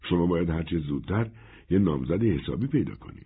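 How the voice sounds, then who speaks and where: A man voicing a gentle, melancholy wandering man in a soft, husky, resigned tone. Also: low-pitched, lively intonation, full character voice. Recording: narrow phone-like band.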